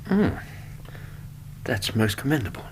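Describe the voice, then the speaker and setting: A genial British doctor, very expressive voice. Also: male voice, mid-range voice, unhurried, slight background noise, poor audio. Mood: gently questioning. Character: genial, inquisitive male Victorian doctor, the detective's companion. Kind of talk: radio drama acting.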